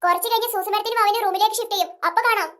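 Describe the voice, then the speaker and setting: A woman voicing a brisk adult nurse in a toy-play story. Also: very high voice, steady tone, bright, forceful tone, pitched below the performer's own voice.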